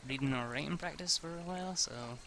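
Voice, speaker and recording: An amateur video host reads a visual novel aloud in a casual, chatty way, stumbling over lines and correcting himself. His mid-range voice is fairly quick and sharp in tone. Music plays behind him, with slight background noise.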